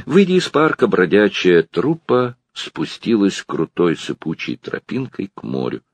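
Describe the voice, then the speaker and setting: Deep gravelly male audiobook reader. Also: measured pace, dry recording. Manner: expressive. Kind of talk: expressive literary narration.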